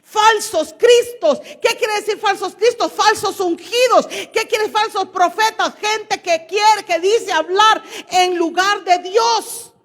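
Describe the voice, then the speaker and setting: A woman's voice: extremely high pitch, takes it slowly, hardly any pauses. A woman pastor preaching a sermon to her congregation, questioning them and reading scripture aloud. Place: church. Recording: long church hall reverb.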